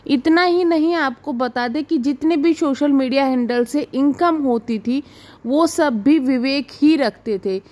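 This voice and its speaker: A woman with a clearly high-pitched, slightly mellow voice, speaking a little slowly, hosts a reaction video. She shares informal gossip commentary directly with her viewers, explaining point by point in an explanatory, questioning way.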